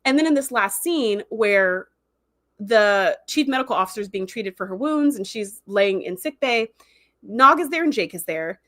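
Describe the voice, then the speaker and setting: A woman hosting a livestream, reviewing TV episodes in a chatty, animated way and acting out characters' lines as she retells them. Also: medium pitch, normal speed. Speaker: host.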